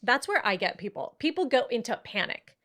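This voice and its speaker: A woman talking as a money coach in a casual podcast conversation, animated, acting out her clients' voices and swearing casually. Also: a little high, brisk.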